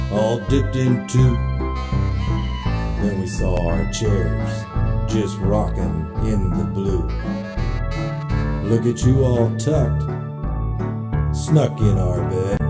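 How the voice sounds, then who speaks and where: A man voicing an angry, gruff father bear, singing verses with growls. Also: fairly low pitch. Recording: singing over loud guitar in a roomy space.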